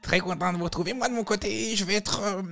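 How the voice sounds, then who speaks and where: A man voicing a giggly, excitable male streamer obsessed with fire, full of nervous laughter. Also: high voice, quick pace, creaky, soft background music, pitched above the performer's own voice, exaggerated voice. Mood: giddy.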